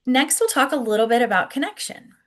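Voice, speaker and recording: A woman presenting scripted teaching tips as an early childhood educator, explaining clearly and encouragingly and speaking directly to the listener. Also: sits high, animated, fairly quick. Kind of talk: instructional presentation, scripted narration to camera.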